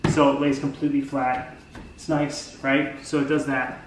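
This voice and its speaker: A man's voice: medium pitch, flat delivery, normal speed, reverberant, very noisy. A man in his forties hosting a casual DIY vlog, talking his way through a woodworking build in his garage. He rambles a little, with lots of ums and restarts. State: tired. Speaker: DIY channel host. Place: garage workshop, indoors.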